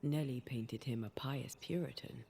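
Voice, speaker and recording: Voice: mid-range voice, a little slow, creaky, warm tone, breathy edge. An actor voicing a cool, observant ghost hunter's companion in a video game, precise, articulate and skeptical. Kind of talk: dramatic video game voice acting. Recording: faint ambient noise behind.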